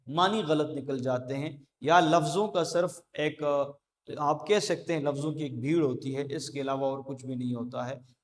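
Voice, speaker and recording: A man giving a classroom lecture at a board, explaining slowly with frequent pauses and fillers. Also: on the high side. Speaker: teacher. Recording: long hall reverb.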